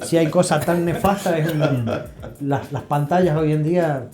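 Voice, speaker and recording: In a voice on the high side with fairly even intonation and normal speed, an Argentine man speaks as an interview guest. He reflects while storytelling and explaining, emphasizing points and asking short check-in questions. There's a roomy echo and faint music.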